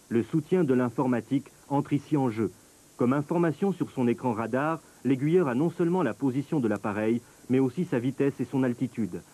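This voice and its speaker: A man narrating a documentary in a measured, scripted, explanatory way. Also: medium pitch, warm tone.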